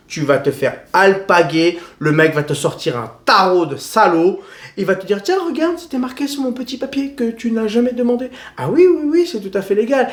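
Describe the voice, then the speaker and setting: A man giving casual travel tips in a vlog, slangy, blunt and joking. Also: on the high side. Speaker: travel vlogger. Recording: roomy echo.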